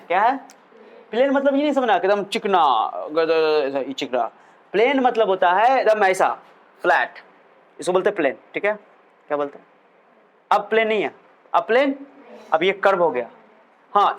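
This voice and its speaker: Young male physics teacher with a high voice, chatty, asks and answers his own questions. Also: poor audio. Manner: asks questions and answers them himself, mixes in English terms; chatty, jokey asides. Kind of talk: classroom lecture.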